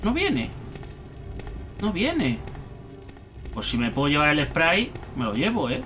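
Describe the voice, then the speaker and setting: A man's voice: a little high, wildly swooping pitch, slow, bright, forceful tone, soft background music. A man with a Spain Spanish accent giving chatty let's-play commentary, swearing freely and talking to himself. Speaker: gaming youtuber.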